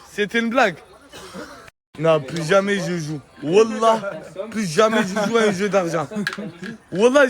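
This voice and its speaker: High-voiced man with French. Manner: slangy French mixed with Arabic interjections. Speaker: vlogger. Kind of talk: casual banter among friends. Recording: crowded outdoor chatter behind the voice.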